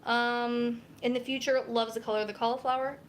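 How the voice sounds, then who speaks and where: A woman's voice: a little high, flat delivery, fairly quick, slight background noise. A young woman, a dietitian, chatting casually on a live cooking stream, reading viewer comments aloud as she chops vegetables in her kitchen. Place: home kitchen.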